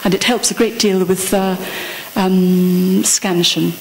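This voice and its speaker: Woman conference speaker, measured scholarly delivery, middle-pitched voice, faint hiss on the recording. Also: steady tone, low-quality recording. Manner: scholarly, precise, reads a prepared paper then speaks off the cuff with fillers. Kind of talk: academic conference talk. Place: conference hall.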